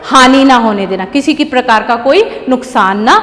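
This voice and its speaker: A woman teacher walks young pupils through a grammar lesson in a high voice, patiently repeating key words slowly. Her voice trails into a long reverb. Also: a bit bright.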